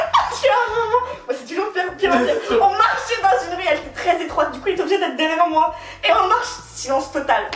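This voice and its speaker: A young woman casually telling dating stories, animated and laughing often as she talks. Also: very high voice, a little fast, hardly any pauses, echoey room, far from the mic, over music. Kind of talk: casual storytelling.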